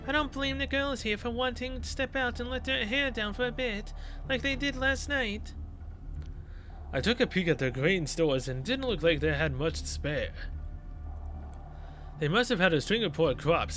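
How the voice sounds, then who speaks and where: A man reading a game's story aloud in an earnest, even way, with small stumbles. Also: extremely high pitch. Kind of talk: voiced game playthrough reading. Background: game music.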